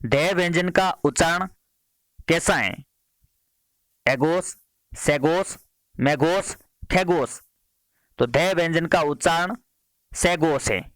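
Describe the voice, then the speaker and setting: Brisk male Hindi exam-prep teacher. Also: on the high side, fairly bright tone, no room sound. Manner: reads each question and its options, then repeats the question and gives the answer; brisk, repeated "next question" transitions. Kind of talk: quiz-style Hindi grammar lesson.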